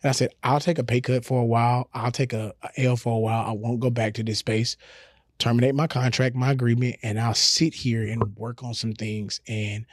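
This podcast guest, a middle-aged comedian and radio personality from Houston, Texas, spins casual stories that are frank and profane, peppered with slang. His mid-range voice moves little in pitch and runs fairly quick, captured in clean studio sound without echo.

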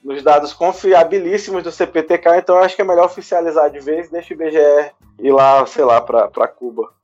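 A man co-hosts a casual political podcast with rambling, mocking jokes and casual swearing. His voice sits a little high. His mic sounds dull and lo-fi. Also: a little fast, a little mellow. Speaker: podcast co-host.

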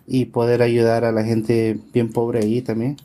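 A man answering interview questions in a relaxed conversation, hesitant with many fillers, slipping words into his Spanish. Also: medium pitch, unhurried. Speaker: interview guest, scientist and tech consultant.

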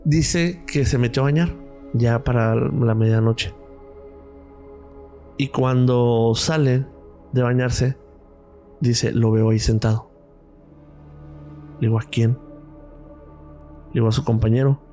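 A man with a Mexican Spanish accent tells a story as a guest on a podcast, and he voices each person in it as he goes. His voice is mellow and warm at a middle pitch. Faint music plays behind him. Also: slow, long pauses. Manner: lively storyteller, acts out quoted dialogue. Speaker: radiologist guest.

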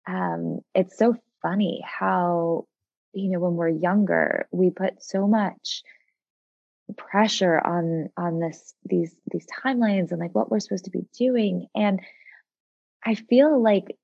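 A woman's voice: medium pitch, lively intonation, takes it slowly, gravelly, no room sound, highs cut off. A woman of forty, a coach and former psychologist, speaking as a podcast guest in a reflective, earnest way with many fillers. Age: 40s. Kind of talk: casual podcast conversation.

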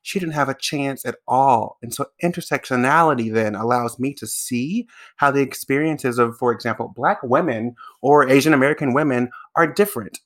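A man's voice: medium pitch, a bit bright. Earnest male podcast host. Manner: earnest, explanatory. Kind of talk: conversational interview.

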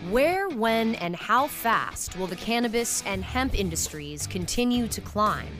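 A woman's voice: a little high, lively intonation, unhurried. A woman reading a scripted podcast intro in a polished announcer style. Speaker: show intro narrator. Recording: voice over clear music bed.

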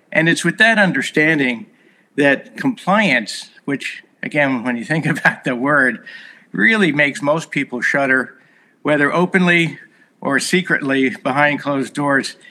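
Telling sprawling stories as a podcast interview guest, this US man in his sixties, originally a Hungarian speaker, sounds earnest and expansive and leans on lots of fillers. His voice sits on the high side and comes across pushed and bright.

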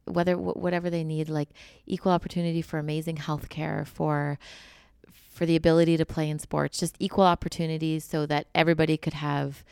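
A woman with a low, gravelly voice speaks as an interview guest. She tells her stories in an animated way and laughs often. Her voice is close and dry, with a smooth, resonant tone. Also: a little fast, no room sound. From Canada. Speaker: guest, Olympic curler. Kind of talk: casual interview conversation.

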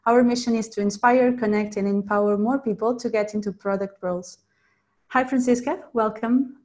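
A woman's voice: mid-range voice, steady tone, normal speed, darkish tone. A woman hosts an interview podcast. She opens with a friendly, read introduction and then asks her questions, repeating words here and there. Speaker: podcast host.

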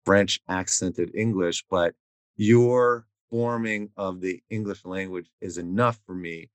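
A man's voice: deep voice, fairly even intonation, slow pace, clear, resonant tone, no echo. A man as a podcast guest, explaining ideas step by step through everyday examples in casual conversation. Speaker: guest expert.

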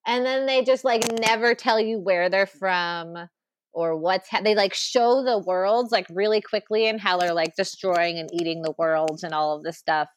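Chatty woman ranting on a podcast, animated, dry close mic. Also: mid-range voice, no room sound. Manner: animated, ranting, quick asides and laughs. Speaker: podcast co-host. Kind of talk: casual chat.

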